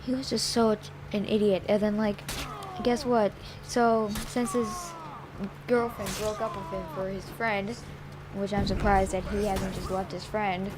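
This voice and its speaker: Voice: mid-range voice, flat delivery, unhurried. Young kid, casual storytelling, exasperated and sarcastic, quoted dialogue, noisy home-made recording. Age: child or young teen. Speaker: vlogger.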